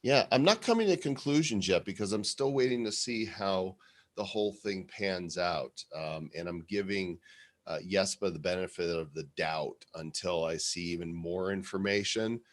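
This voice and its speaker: A man's voice: low-pitched, normal speed. A man co-hosting a live show in casual, rambling, conversational talk. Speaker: co-host of a show about NFT art.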